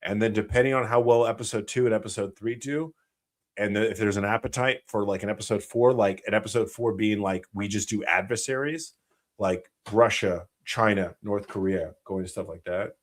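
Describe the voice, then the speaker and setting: A man's voice: lowish voice, normal speed. An American man hosting a live Q&A stream, talking bluntly and rambling, with heavy swearing. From United States. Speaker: channel host, former special operations soldier.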